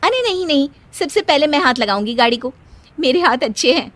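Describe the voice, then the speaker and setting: A very high, insistent voice for a young Indian housewife in a comic family storybook tale, acted out by a woman narrator. She is proud of herself and boasts freely. She scolds and bosses the household with stubborn confidence. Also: expressive, a little fast, fairly bright tone, no echo. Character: proud, bossy young daughter-in-law who boasts about her hands. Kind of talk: Hindi family comedy story acting.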